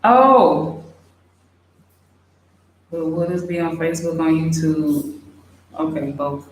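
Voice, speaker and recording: A woman's voice: low voice, moderate pace. Chatty woman in an echoey room. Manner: relaxed, chatty, many fillers, reads viewer questions aloud. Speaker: expat vlogger. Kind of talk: casual livestream Q&A. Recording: very echoey room, faint hiss.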